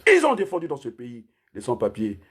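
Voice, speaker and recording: A man delivering an impassioned political rant, firing off rhetorical questions and repeatedly raising his voice almost to a shout. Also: medium pitch, wildly swooping pitch, brisk, slightly rough. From Republic of the Congo. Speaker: political commentator.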